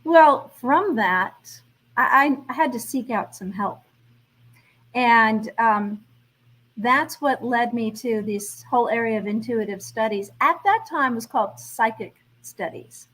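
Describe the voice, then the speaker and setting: A middle-aged woman speaks reflectively as an interview guest, laughing lightly between thoughts. Her voice is slightly high and a bit bright, she speaks slowly, and the audio is poor.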